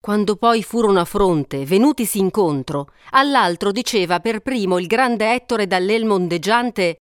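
A woman narrating an ancient epic in a measured, steady storytelling manner. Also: mid-range voice, smooth, no room sound, clean studio sound.

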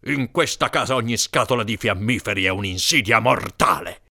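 A man's voice: lowish voice, moderate pace, gravelly, sharp tone, exaggerated voice. A man voicing an exasperated young man who rants and roars in a storybook reading. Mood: furious. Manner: ranting, exasperated. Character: irate young man shouting in panic.

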